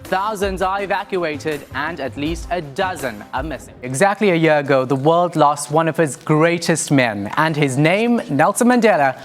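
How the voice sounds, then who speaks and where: A news presenter reporting the day's stories in a mid-pitched voice. Music plays behind the delivery, which suits both studio links and field reports. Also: animated, normal speed, hardly any pauses.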